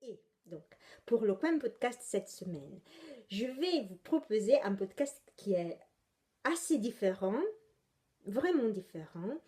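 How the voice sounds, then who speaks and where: Speaking slowly in a dark, medium-pitched voice with wide swings in pitch, a young Italian woman hosts a knitting podcast. Her talk is chatty and rambling, dotted with hesitations and corrections.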